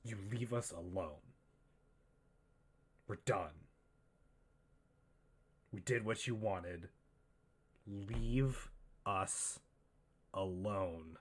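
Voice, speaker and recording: A man's voice: deep voice, very slow, pauses often, husky, exaggerated voice. A man voicing a frantic, drugged woman with a knife, screaming and then hissing through gritted teeth. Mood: threatening.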